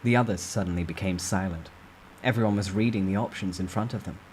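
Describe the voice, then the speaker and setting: A man with a deep voice reads a novel aloud quickly as a storyteller, giving a dramatic first-person narration with expressive, theatrical emphasis. A little hiss or hum is audible.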